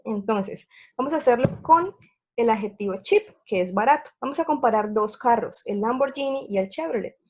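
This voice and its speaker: A woman with a slightly high voice walks through grammar rules as a patient teacher, going step by step and checking that her viewers follow. The sound is dull and lo-fi. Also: lively intonation, moderate pace. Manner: patient, repeats steps, checks in with "¿sí?" and "listo". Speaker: English teacher. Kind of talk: slide lesson explaining grammar.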